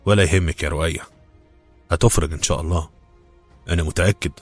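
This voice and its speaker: A man's voice: sits low, quick pace, faint music behind. A man doing a curt, proud Egyptian husband. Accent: Egyptian Arabic. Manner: curt, calm, bitterly sarcastic. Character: proud, curt older Cairene husband fallen on hard times.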